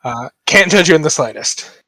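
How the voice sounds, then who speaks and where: A young man hosting a podcast with a slightly high voice, rambling through jokes at his own expense. The sound is dry and close, with no room around it. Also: lively intonation, moderate pace, a bit bright, no room sound. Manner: joking, rambling, self-deprecating. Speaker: podcast host. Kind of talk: casual podcast banter.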